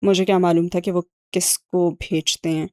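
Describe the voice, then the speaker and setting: A woman's voice: fairly low pitch, flat delivery, a little mellow, no echo, close to an everyday voice. A woman reading an audiobook and voicing a sardonic young man who explains his schemes with dry sarcasm. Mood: wry. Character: sharp, sardonic young man, ex-agent uncle.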